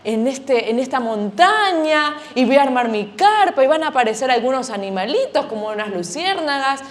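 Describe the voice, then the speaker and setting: A woman's voice: high voice, expressive, normal speed. A woman voicing an eager little boy on a camping trip, in a children's church story. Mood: excited. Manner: eager, chattering.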